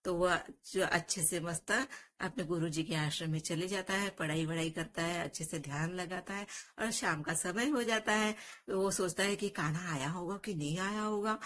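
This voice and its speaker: Casting: woman storyteller, lower voice, casual spoken narration. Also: normal speed, fairly bright tone. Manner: plain conversational telling with restarts.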